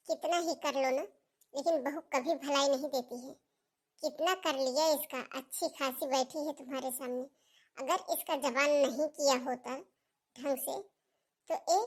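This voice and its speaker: A woman playing a domineering middle-aged mother-in-law who taunts and scolds her daughter-in-law in a family melodrama. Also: high-pitched.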